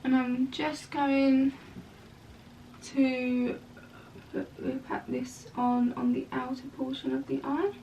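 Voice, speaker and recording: A young female makeup vlogger chats through a tutorial at home, drifting into rambling asides as she works. Her voice is high, a little croaky and mellow, with a flat, slow delivery. She's far from the mic, and the lo-fi recording carries a faint hiss.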